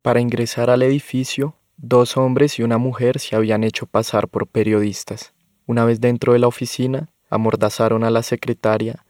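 A man reading scripted documentary narration in a measured, sober way. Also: fairly low pitch, dry recording, studio quality. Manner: measured, sober, even delivery.

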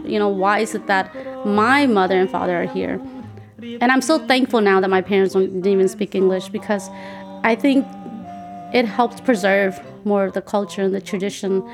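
Music plays under a medium-pitched female voice at normal speed. She's an American in her forties, a guest on a recorded cooking segment, chatting easily in a home kitchen, often laughing and describing each ingredient.

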